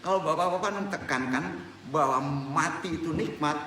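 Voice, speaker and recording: A man's voice: fairly high pitch, brisk, slight background noise. An older man giving an informal religious study lecture, joking and quizzing his listeners. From West Sumatra, Indonesia. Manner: animated, joking, quizzes the audience. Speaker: religious teacher. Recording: echoey hall recorded from a distance.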